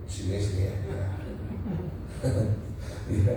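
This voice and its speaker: A man's voice: drawn-out words, distant mic, very noisy. Man telling stories in an echoey mosque hall. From Indonesia. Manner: chatty, jokes with the audience, drops into local dialects. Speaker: guest speaker at a mosque gathering. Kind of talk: casual storytelling talk.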